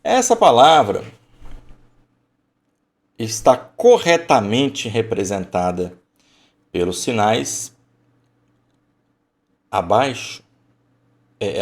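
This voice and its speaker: Man, online lesson teacher, deep gravelly voice, emphatic and unhurried. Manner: emphatic and colloquial, thinks aloud.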